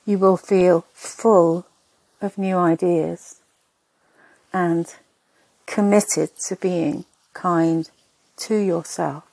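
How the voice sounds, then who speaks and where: A woman narrating a sleep meditation in a soft, breathy, husky voice, soothing and hushed, in short spaced phrases. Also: on the low side, steady tone, extremely slow, pauses often, dry recording, low-quality recording.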